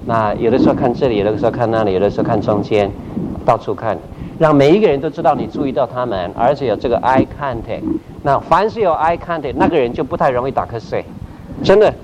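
A middle-aged man, a pastor, giving a lively church training talk and playfully acting out examples. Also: medium pitch, fast talker. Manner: animated, playfully acts out examples. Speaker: pastor teaching group leaders. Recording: dull recording with loud background noise.

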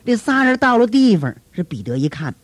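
A man telling a story in a colloquial, animated storytelling style with folksy asides. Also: high-pitched, fairly quick, no echo. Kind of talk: traditional storytelling.

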